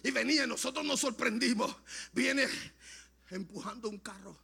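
A male Puerto Rican pastor preaching a Pentecostal sermon, shouting in tongues and then dropping to quiet storytelling. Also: very high voice, normal speed, vocal fry, breathy edge. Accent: Puerto Rican Spanish. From Puerto Rico.

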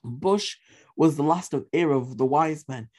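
A man with a fairly high, mellow voice hosts a history podcast. He talks in an emphatic, opinionated way, hammering home his points by repeating them and dropping the odd curse word. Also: moderate pace. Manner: emphatic, repeats points for stress, swears casually. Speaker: podcast host.

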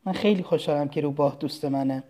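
A reader voicing a gentle, earnest young boy prince from a tiny planet in a storybook reading. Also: mid-range voice, close to an everyday voice. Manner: soft, earnest and kind.

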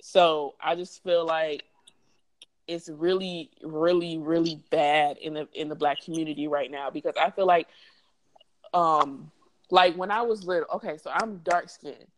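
Woman co-host, lower pitch, casual chat, reflective and opinionated. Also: fairly even intonation, measured pace, poor audio. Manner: reflective, opinionated, repeats words for emphasis. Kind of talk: casual podcast discussion.

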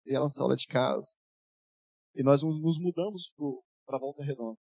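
A male pastor preaching a fervent sermon, moving between loud exhortation and quiet storytelling, in a dry room. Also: medium pitch, normal speed, creaky, breathy edge, no room sound.

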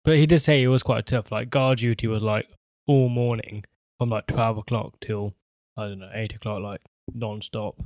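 A young man chatting casually on a podcast, agreeable and quick to go along with the others. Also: on the low side, fairly even intonation, a little mellow, no echo. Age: young adult. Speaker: podcast co-host. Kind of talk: casual chat.

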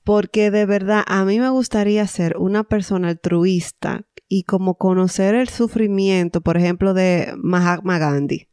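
A woman's voice: medium pitch, steady tone, moderate pace, few pauses, darkish tone, clear, resonant tone, no room sound, studio quality. Chatty woman. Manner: chatty, laughs often, storytelling. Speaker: podcast co-host. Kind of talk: casual chat.

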